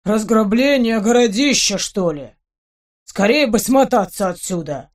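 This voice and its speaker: A woman doing a gruff mustached guard. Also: medium pitch, lively intonation, a little slow. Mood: grumbling. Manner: gruff, mutters and grumbles. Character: gruff mustached male camp guard, grumbling.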